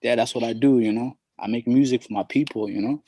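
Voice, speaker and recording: A young man from Somalia, a hip hop artist, speaking in a laid-back, halting way full of fillers. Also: mid-range voice, fairly even intonation, dark tone, husky, no room sound. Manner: laid-back, halting, constant "you know". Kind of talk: casual interview.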